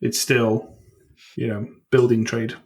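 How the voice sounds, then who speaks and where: A man guests on a podcast in a casual interview chat, speaking at a slow pace with a medium-pitched, flat voice. He comes across as thoughtful and self-deprecating, often restarting his sentences hesitantly.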